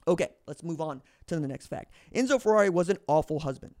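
This native English speaker reads a book aloud on his podcast, adding commentary in a fairly high, slightly mellow voice with lively intonation and a quick pace. He fumbles words and corrects himself along the way. The sound is close and dry, with no room sound.

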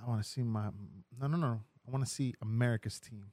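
A man co-hosting a podcast in loud, joking casual chat, swearing and laughing often. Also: medium pitch, fairly even intonation, quick pace, no echo. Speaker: podcast co-host.

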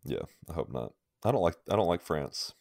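Deep guy co-hosting a sports podcast, dry close mic, opinionated and laughy. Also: brisk, creaky, no echo. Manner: animated, opinionated, laughs often. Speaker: podcast co-host. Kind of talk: casual sports chat.

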